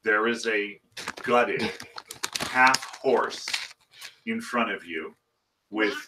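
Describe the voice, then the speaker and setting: A man narrating a live tabletop game as game master, in halting, conversational storytelling mixed with banter. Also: on the low side, recorded from a distance, background noise.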